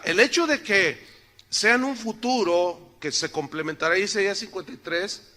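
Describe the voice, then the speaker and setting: In a church sanctuary, an older pastor delivers a sermon in a high, bright voice that sounds slightly sore. His tone is chatty and full of jokes, and he fires rhetorical question after rhetorical question at the congregation.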